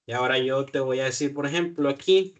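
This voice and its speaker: A man's voice: medium pitch, a little fast. Patient man tutoring code, constant check-ins. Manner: patient, checks understanding with frequent "¿ya?"; self-correcting, thinks aloud with fillers. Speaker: programming tutor. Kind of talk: live one-on-one coding lesson.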